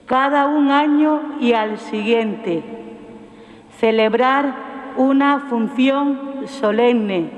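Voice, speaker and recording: Slow, high-voiced man reading solemnly. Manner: measured, deliberate phrasing in short chunks. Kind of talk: solemn formal reading of an old proclamation. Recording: echoey hall with long reverb.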